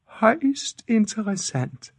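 A gushing older court matron, very high and drawn out, as a man reading the tale puts her on. The voice is husky and sits close and dry. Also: sing-song, no echo, heavily acted.

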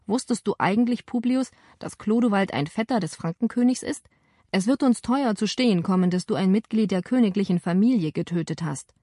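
A woman's voice: mid-range voice, brisk, dark tone, no room sound, clean studio sound, lightly acted. A woman voicing an elderly male Roman prefect who sternly reproaches a younger man, in an audiobook. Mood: grave. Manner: stern, accusing.

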